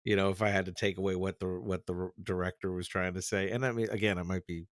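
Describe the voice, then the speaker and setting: A man's voice: low voice, little pitch movement, fast, dry recording, studio quality. A man chatting casually about a film on a podcast, rambling and restarting his sentences, often laughing as he tells a story. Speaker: podcast co-host. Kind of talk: casual movie chat.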